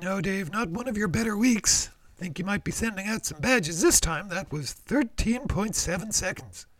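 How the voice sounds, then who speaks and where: High, raspy kids show sidekick. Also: male voice, expressive, moderate pace, a bit bright, no echo. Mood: teasing.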